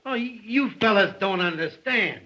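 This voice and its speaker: An actor playing an earnest, pompous, put-upon cop in 1930s screwball comedy banter, on a dull old film soundtrack. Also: male voice, sits high, animated, normal speed, pushed and bright. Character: earnest, put-upon, slow-witted cop with pet theories.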